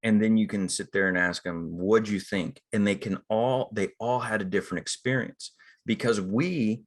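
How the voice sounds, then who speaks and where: In a relaxed teaching chat about screen acting, a middle-aged acting coach performs the thoughts he quotes. His pitch is fairly low, his tone steady, and his pace moderate.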